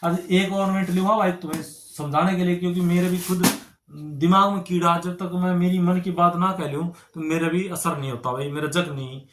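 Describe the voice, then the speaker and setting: A man's voice: high voice, fairly even intonation, fairly quick, a bit bright, echoey room, slight background noise. A male teacher explaining exam reasoning problems, often checking in with his students and calling them brother and friends. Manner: repetitive, keeps checking with "ठीक है ना". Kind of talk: reasoning lesson at a whiteboard.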